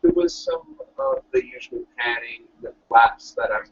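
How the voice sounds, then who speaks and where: A director and editor chats over a call in an eager, rambling, self-correcting way. His mid-range voice is gravelly and fairly bright, with huge pitch swings at a measured pace. The distant, lo-fi call audio carries faint hiss.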